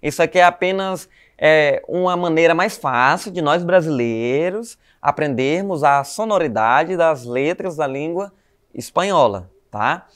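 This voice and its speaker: Clear-voiced Brazilian teacher explaining letters. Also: male voice, a little high, animated. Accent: Brazilian Portuguese. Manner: explanatory, frequent "né?" and "tá?" tags; calls students "galerinha", spells letters slowly. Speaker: Spanish teacher. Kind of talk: recorded online class for schoolchildren.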